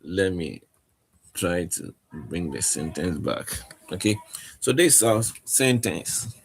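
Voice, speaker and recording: A man teaching a casual online language lesson, speaking haltingly and often checking in with "okay?". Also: sits low, very animated, slight background noise.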